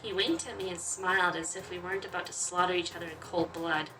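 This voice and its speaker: Hosting a gaming video, a woman reads visual novel narration aloud and throws in casual, playful asides. Her lowish voice is fast, bright, and forceful while keeping a steady tone. The mic is slightly distant, and there's faint noise.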